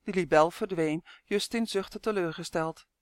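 A woman reading a children's storybook aloud with expressive, lively storytelling. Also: on the low side, measured pace, no room sound, clean studio sound. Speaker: narrator.

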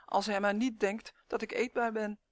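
A tiny winged elf with a lisp, high and fretful, squeaking out grumpy suspicions, as a woman reading a storybook puts it on. The voice sits right on a dry, close mic with no room around it. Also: little pitch movement, normal speed, dry recording, close to an everyday voice. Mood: fearful. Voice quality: lisping.

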